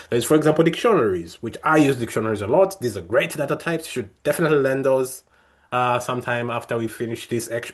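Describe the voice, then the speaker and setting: A young man leading a coding workshop, explaining each step in a friendly way with many fillers and restarts. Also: mid-range voice. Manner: friendly, talks through steps with frequent fillers and restarts. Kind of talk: live coding tutorial.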